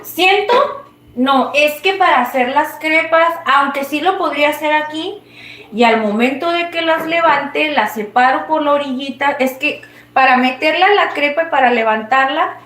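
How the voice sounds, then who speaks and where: A woman's voice: high voice, moderate pace, a bit bright, roomy sound. A woman with a Mexican accent chatting casually and rambling while she cooks, often laughing. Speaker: cooking vlogger. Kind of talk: casual chat while cooking.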